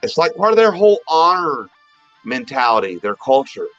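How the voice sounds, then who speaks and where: A man's voice: mid-range voice, big pitch swings, normal speed, a bit bright, no echo, soft background music. Rambling man, slightly muffled. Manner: rambling, trailing off and restarting. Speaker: podcast co-host. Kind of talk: casual crude chat.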